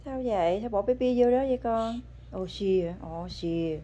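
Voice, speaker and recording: A woman chatting at home with her toddler as a mother, coaxing and praising in a patient, gentle way. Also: mid-range voice, moderate pace. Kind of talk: casual family chat to a small child. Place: home, indoors.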